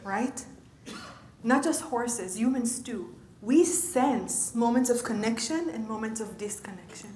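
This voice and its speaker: A woman's voice: on the high side, a little slow, darkish tone, reverberant. A woman giving a conversational lecture as a leadership coach, often checking in with her audience. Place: lecture room.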